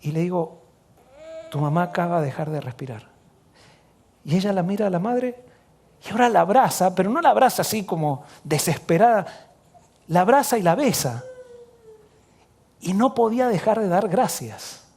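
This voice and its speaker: High-voiced Rioplatense pastor preaching softly. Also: male voice, animated, moderate pace, creaky, pauses often, husky. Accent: Rioplatense Spanish. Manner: earnest, drops to soft hushed tones when quoting. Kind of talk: sermon storytelling.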